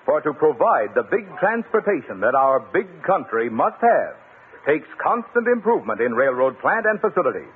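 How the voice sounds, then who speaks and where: A man's voice: fairly high pitch, very animated, a little hiss or hum. Man announcing from an old broadcast disc. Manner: formal, measured announcer delivery. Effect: old transcribed broadcast disc sound. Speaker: radio announcer. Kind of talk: scripted radio announcement. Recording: tinny, narrow old radio broadcast.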